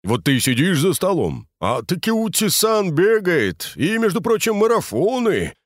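A man's voice: sits high, sing-song, unhurried, dry recording, clean studio sound, pitched above the performer's own voice, heavily acted. A man voicing a boisterous, bantering Moscow drinker nicknamed the cruiser, in an audiobook. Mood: hearty. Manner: loud, hearty, bantering.

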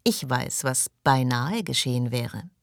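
A woman reading an audiobook, voicing a defiant, scheming young woman who speaks eagerly and coaxingly, her voice jumping higher. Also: lively intonation, unhurried, no room sound, studio quality, full character voice.

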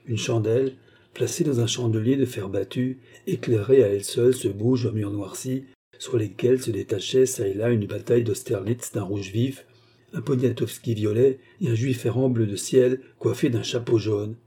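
A male narrator reads a nineteenth-century novel in measured, even storytelling. His voice is dark and a bit husky. The pitch sits in an ordinary male middle range. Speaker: audiobook narrator. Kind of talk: literary audiobook narration.

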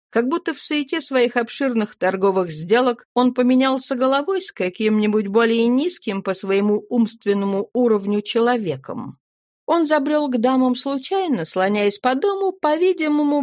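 A woman's voice: fairly high pitch, a little mellow, no room sound, clean studio sound. Woman narrating a classic novel. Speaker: audiobook narrator. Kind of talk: scripted narration.

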